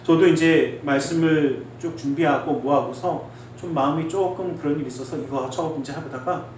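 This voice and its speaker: A male pastor preaching a sermon in earnest, exhorting tones, swinging between loud emphasis and quiet asides. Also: a little high, moderate pace, a little hiss or hum. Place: church sanctuary. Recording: very echoey hall, distant mic.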